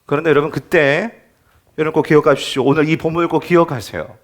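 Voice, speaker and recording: A man's voice: fairly high pitch, steady tone, quick pace. A male pastor preaching a sermon in church, emphatic and often asking the congregation questions.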